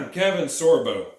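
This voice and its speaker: A man's voice: fairly high pitch, sharp tone, echoey room. A tipsy man from Mississippi rambling profanely about a movie with his girlfriend, often laughing. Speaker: video host. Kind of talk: drunk casual movie chat.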